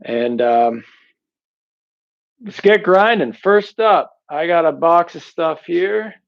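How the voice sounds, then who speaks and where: A man's voice: on the high side, animated, slow, vocal fry, dull audio. A man hosting a casual live stream from his workshop, chatting to viewers through a headset mic while he works. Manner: rambling, chatty, talks to viewers while working. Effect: livestream headset mic audio. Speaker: knife sharpening host. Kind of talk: casual livestream chat.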